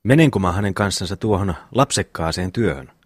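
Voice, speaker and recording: A man reading the part of a slow, good-natured young brother in an audiobook, plodding and homely. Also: low-pitched, lively intonation, dry recording, studio quality.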